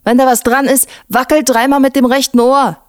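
A woman's voice: sits high, level tone, moderate pace, dry recording, studio quality, pitched above the performer's own voice, natural voice. A woman voicing a mocking, playful young male patrol cop in an audiobook reading. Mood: teasing.

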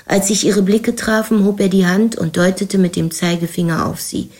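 Woman narrator, audiobook thriller, brisk and dramatic. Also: medium pitch, darkish tone. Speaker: audiobook reader. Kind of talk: scripted narration.

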